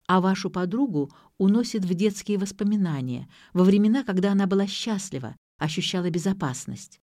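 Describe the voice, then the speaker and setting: A woman voicing a young woman posing as a doctor, explaining in a calm, measured way. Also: mid-range voice, no room sound, clean studio sound, close to an everyday voice.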